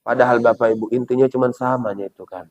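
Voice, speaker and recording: A man's voice: medium pitch, fairly even intonation, fast, darkish tone. Jokey preacher man, lo-fi. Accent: Medan Indonesian. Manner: jokey, playful, acts out quoted voices. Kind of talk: humorous sermon. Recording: dull lo-fi recording.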